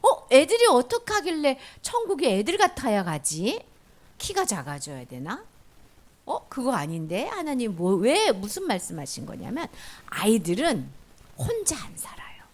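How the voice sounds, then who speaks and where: A woman's voice: on the high side, moderate pace. A woman telling a Bible story as a children's sermon, speaking directly to a child and often dropping to a whisper. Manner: animated storytelling with frequent whispers.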